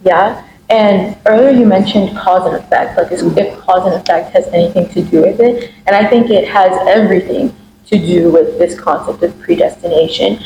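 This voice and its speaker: Mellow young woman, echoey room. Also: fairly low pitch, moderate pace, a little hiss or hum. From Miami, United States. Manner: articulate, builds on others' points. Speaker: guest. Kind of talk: casual discussion.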